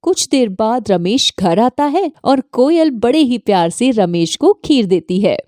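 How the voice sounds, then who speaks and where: A woman's voice: on the high side, measured pace, no echo, clean studio sound. A woman narrating a moral story in a scripted storytelling voice. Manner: lively storytelling. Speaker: voice-over narrator.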